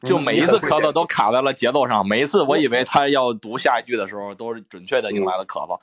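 Fast, husky male quipper. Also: medium pitch, a bit bright. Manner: quick quips. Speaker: podcast co-host. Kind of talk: casual comedy podcast chat.

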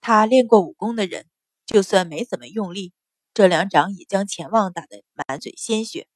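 A woman reads a period novel aloud in a steady, expressive storytelling voice. Her pitch sits at a middle height, and the recording is dry and close. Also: normal speed, no echo. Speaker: audiobook narrator.

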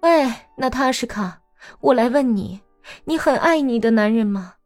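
A woman's voice: fairly high pitch, lively intonation, a little mellow, soft background music, voice pushed up, lightly acted. A woman voicing a bold, mocking young peasant woman who talks in a brash, teasing way in an audiobook. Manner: brash, teasing, quick-tongued.

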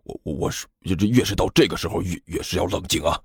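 A man voicing a nervous middle-aged male school director who mutters low and stammers. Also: wildly swooping pitch, takes it slowly, darkish tone, no room sound, clean studio sound, heavily acted.

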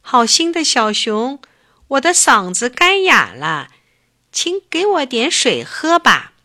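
A woman playing a big storybook rooster with a shrill, piercing voice, pitched very high and bright. It swoops sharply up and down across a wide range. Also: big pitch swings, takes it slowly, heavily acted.

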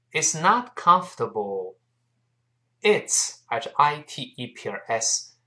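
Lively-voiced English pronunciation teacher. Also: medium pitch. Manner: patient, demonstrates sounds slowly and repeats them. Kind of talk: spoken language lesson.

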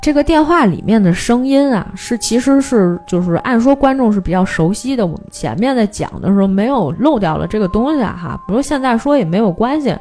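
Lively woman, retelling a plot. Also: fairly high pitch, brisk, hardly any pauses, soft background music. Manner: animated storyteller, acts out characters' lines. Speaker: film podcast host. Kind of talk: casual retelling of a film plot.

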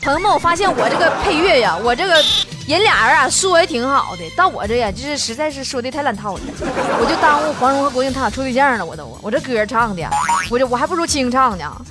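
A woman's voice: high-pitched, expressive, quick pace, over a noisy crowd. A woman radio host, telling comic stories in a chatty, teasing way. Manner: chatty, teasing, laughing asides. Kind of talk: comic storytelling. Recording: loud music behind voice.

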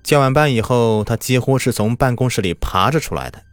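A man's voice: mid-range voice, animated, a little fast, no room sound. A man telling a scripted horror story in a dramatic style that builds tension, over background music.

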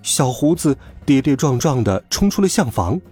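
Male storybook narrator, husky, highly animated delivery. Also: moderate pace, soft background music. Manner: lively, expressive reading.

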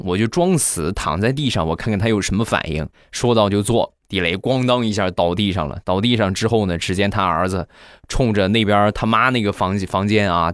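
A man's voice: lowish voice, fairly bright tone, dry recording, studio quality. A man hosting a comedy show and telling funny anecdotes in a chatty, playful way, talking straight to his listeners.

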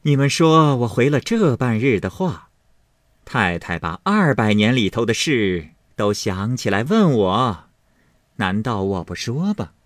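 A man voicing a scornful, sharp-tongued young noblewoman in a storybook reading, speaking loud and cutting. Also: mid-range voice, sing-song, unhurried, no room sound, studio quality.

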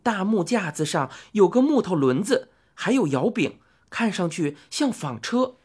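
Woman reading a storybook, lively pitch. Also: measured pace, breathy edge.

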